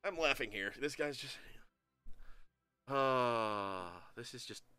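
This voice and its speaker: A man giving casual, excitable commentary while playing a strategy game, often trailing off mid-sentence. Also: medium pitch, slow pace, clear, resonant tone, dry recording, soft background music. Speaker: gameplay commentator.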